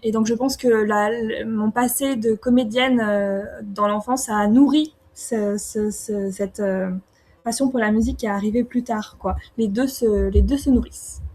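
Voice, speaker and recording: A young woman from France answering interview questions casually, often pausing with fillers and restarting her sentences. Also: fairly high pitch, fairly even intonation, darkish tone. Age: young adult. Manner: hesitant, many fillers and restarts. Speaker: singer-songwriter guest.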